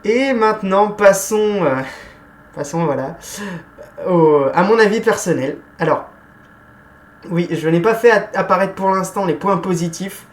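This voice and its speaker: Here a woman talks through a film review, her medium-pitched delivery chatty yet unsure, full of pauses, fillers, and self-corrections.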